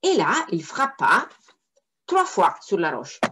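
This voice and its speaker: A storyteller reads a fairy tale aloud to young listeners, taking it slowly in a slightly rough voice whose pitch swings very expressively. She often pauses to explain unfamiliar words in a friendly, teacherly way.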